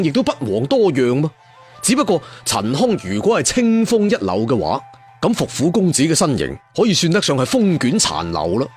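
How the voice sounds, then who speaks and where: In a husky, medium-pitched voice, a man tells a story theatrically, like a traditional serial storyteller who makes asides to his listeners. It is dramatic Cantonese audiobook storytelling.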